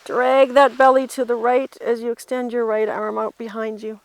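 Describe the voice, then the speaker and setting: A woman yoga instructor gently talking a class through poses as she does them herself. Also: fairly high pitch, little pitch movement, moderate pace, clean tone, no echo, poor audio. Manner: gentle cueing while demonstrating the poses herself.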